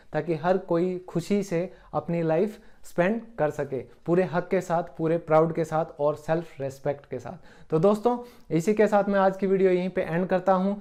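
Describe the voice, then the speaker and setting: A man giving an online grammar lesson as an English teacher. He asks the viewer questions, answers them himself, and reads the example sentences slowly and clearly. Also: sits high, dark tone.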